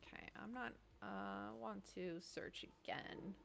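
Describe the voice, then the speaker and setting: A woman chatting excitedly on a casual livestream, thinking aloud in slangy, chatty bursts. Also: medium pitch, slow pace, gravelly, background noise.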